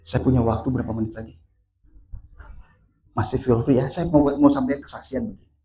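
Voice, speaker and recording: A man preaching a sermon and telling a story, swinging between quiet and loud passages. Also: mid-range voice, steady tone, fairly quick. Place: church hall. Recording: echoey church hall from a distance.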